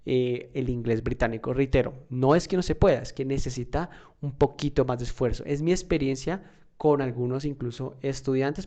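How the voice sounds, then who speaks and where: Mellow-voiced man teaching a lesson. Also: mid-range voice. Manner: conversational, repeats himself, many fillers; asks the listener questions. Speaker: English teacher. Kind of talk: online lesson.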